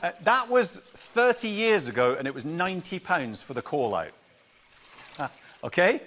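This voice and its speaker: A middle-aged or older British man working as a home shopping host, chatty, inquisitive and explanatory as he pitches and asks questions. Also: sing-song, normal speed, fairly bright tone. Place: television studio.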